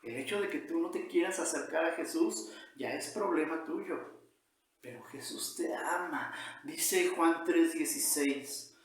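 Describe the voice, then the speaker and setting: A pastor preaching a sermon with emphatic, drawn-out phrasing and frequent tag questions. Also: male voice, a little high. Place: church. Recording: echoey church hall.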